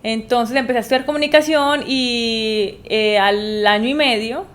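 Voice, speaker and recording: A young woman from Medellín with a Colombian accent, answering interview questions thoughtfully with frequent pauses and fillers. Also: on the high side, a bit bright. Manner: thoughtful, many hesitations and fillers. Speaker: guest, dancer.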